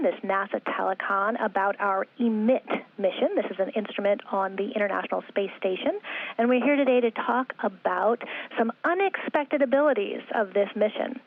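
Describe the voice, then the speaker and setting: Woman running a press call over a tinny phone line, gravelly voice, slow careful spelling. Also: mid-range voice. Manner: measured, spells things out slowly. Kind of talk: reading out introductions and a web address. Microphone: telephone.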